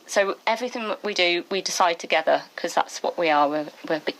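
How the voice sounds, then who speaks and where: A woman's voice: fairly low pitch, noisy background. A woman who leads a choir, talking as a guest on a radio interview in a chatty, upbeat way. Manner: chatty and upbeat, quick to laugh. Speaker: choir director.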